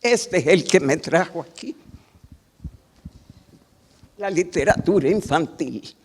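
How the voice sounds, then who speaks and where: An older woman from Cuba, a guest author giving a wry, unhurried talk in a university auditorium. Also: fairly low pitch, animated, darkish tone, slight background noise. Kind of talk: public talk at a workshop.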